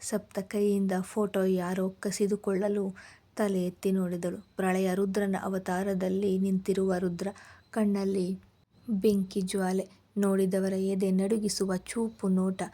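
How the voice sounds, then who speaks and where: Flat, mellow-voiced woman reading a story. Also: mid-range voice, unhurried. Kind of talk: reading a serialized novel aloud.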